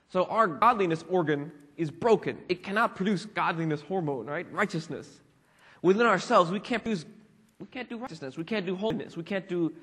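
A man's voice: on the high side, fairly bright tone, breathy edge. A young man preaching a casual, conversational sermon as a pastor, full of "you know" and "like" fillers. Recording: long reverb of a hall.

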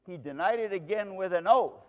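With a high, animated voice at a moderate pace, a pastor preaches to his congregation and tells the story dramatically, stressing words strongly. The recording carries a long hall reverb.

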